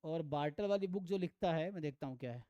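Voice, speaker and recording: A man teaching an online exam-prep math lecture, thinking aloud and reading theorem statements slowly. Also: fairly high pitch, mellow, dry recording, dull audio. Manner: thinks aloud, mixes Hindi with English terms. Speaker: math tutor.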